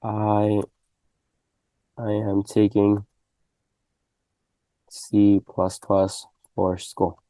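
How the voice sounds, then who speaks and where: Young male tutor, dark gravelly tone, laid-back conversational delivery. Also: lowish voice, no room sound. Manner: loose and conversational, full of "okay?" and "right?" checks. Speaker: programming tutor. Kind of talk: casual screen-recorded coding lesson.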